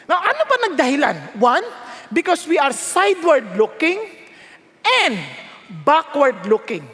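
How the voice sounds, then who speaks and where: A man with a Filipino accent preaching a sermon as a pastor, self-mocking and animated, swinging from shouts to hushed asides. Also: very high-pitched, unhurried. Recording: reverberant hall.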